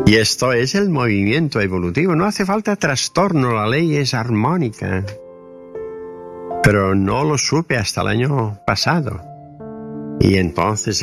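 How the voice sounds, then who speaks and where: A man gives a slow, earnest spiritual talk, explaining his ideas deliberately. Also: mid-range voice, creaky, a bit bright. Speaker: spiritual speaker.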